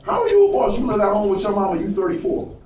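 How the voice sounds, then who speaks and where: Addressing a small audience indoors, a man delivers a preachy, profane motivational speech, blunt in tone and pressing the room for agreement. His voice is high-pitched, very animated, and fast, with a loud crowd audible, and it's recorded from a distance in an echoey, noisy room.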